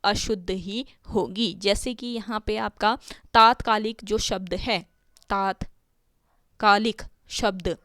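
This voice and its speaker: Brief: woman teacher, mid pitch, dry close mic, answers her own questions, exam-prep grammar. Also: steady tone, measured pace, a bit bright, no echo. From India. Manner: spells out words sound by sound.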